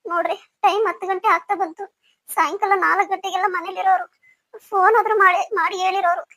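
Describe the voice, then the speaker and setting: Woman doing a tearful pregnant young wife, high voice, fast, bright, dry sound. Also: steady tone, no echo, heavily acted. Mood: worried, tearful. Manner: tearful and pleading. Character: anxious pregnant young wife waiting for her husband. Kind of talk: cartoon story voice acting.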